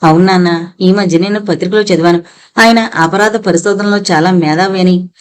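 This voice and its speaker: A woman's voice: on the low side, steady tone, moderate pace, smooth, natural voice. A woman voicing an earnest, persuasive young daughter in an audiobook reading.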